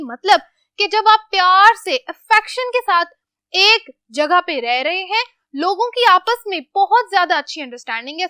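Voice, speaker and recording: High, bright-voiced woman teaching vocabulary. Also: no room sound, clean studio sound. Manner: explains words slowly, asks questions and answers them herself; mixes English words into Urdu explanations. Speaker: English teacher. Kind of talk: classroom vocabulary lesson.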